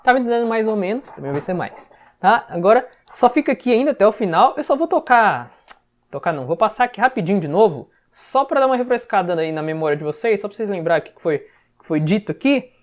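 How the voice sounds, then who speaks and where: A woman's voice: medium pitch, lively intonation, quick pace. Chatty Brazilian woman teaching English. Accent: Brazilian Portuguese. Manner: chatty, repeats "tá?" to check understanding. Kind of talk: casual explanatory lesson.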